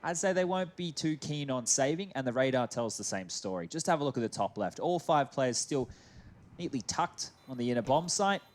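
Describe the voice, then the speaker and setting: A man's voice: mid-range voice, expressive, a little fast. Male esports caster calling a match live. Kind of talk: live esports commentary, play-by-play and analysis.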